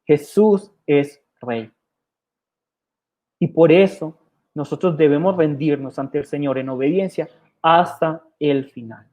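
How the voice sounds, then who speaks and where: A pastor with a Colombian accent preaching a sermon, repeating key phrases and posing rhetorical questions. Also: male voice, on the high side, slow pace, a little mellow. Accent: Colombian Spanish. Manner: emphatic repetition and rhetorical questions.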